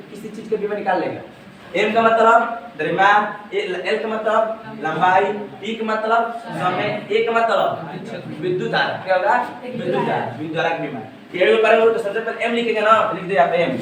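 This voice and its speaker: High-voiced teacher in an echoey classroom. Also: male voice, noisy background. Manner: repeats answers and drills students. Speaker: physics teacher. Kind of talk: classroom lecture with questions to students. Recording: echoey room, voice from far off.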